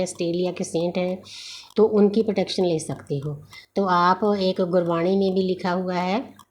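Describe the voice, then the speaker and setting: A woman giving a spiritual tarot reading in a gentle, unhurried, reassuring way. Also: on the low side, slight background noise. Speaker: tarot reader.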